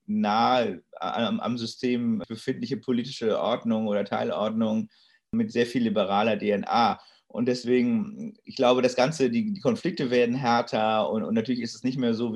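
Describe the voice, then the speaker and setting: Interview guest, man, low husky voice, searching for words. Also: darkish tone. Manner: halting, many restarts and fillers. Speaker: interview guest, political thinker. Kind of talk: thoughtful interview answers.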